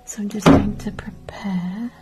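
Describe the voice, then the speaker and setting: A woman whispering slowly and carefully through an ear-cleaning ASMR roleplay. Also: medium pitch, steady tone, very noisy. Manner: soft unvoiced whisper, slow and careful.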